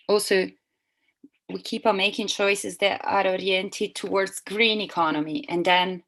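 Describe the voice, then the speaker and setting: A woman interpreting a seminar talk live, speaking haltingly with frequent restarts and self-corrections. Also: mid-range voice, a bit bright, low-quality recording. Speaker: simultaneous interpreter.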